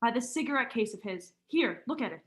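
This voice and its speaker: Here the same student actor sounds brisk, animated, and fairly bright, her voice a little high. She again portrays a scared young woman full of suspicion, urgent and accusatory, styled after old-time radio mysteries.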